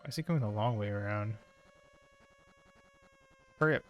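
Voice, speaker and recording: A man's voice: on the low side, moderate pace, soft background music. A young man streaming a game, chatting casually with crude jokes. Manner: crude, joking, loose.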